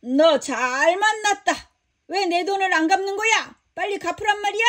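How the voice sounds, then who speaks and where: A grasping male servant from a children's Bible story, whiny when he begs and harsh when he bullies, played by a woman. The voice sits high and moves slowly. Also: very animated. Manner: whiny begging and harsh shouting. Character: grasping male servant, pleading then bullying.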